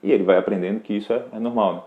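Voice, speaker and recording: A man's voice: on the low side, fairly even intonation, rapid-fire, phone-quality sound. A man with a Brazilian Portuguese accent hosting a live Q&A, patiently explaining practical parenting advice straight to a parent. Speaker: host answering parenting questions.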